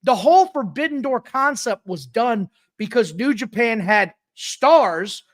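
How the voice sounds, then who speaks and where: A man co-hosting a podcast, talking in an animated, opinionated way in casual chat. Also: very high voice, unhurried. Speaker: podcast co-host.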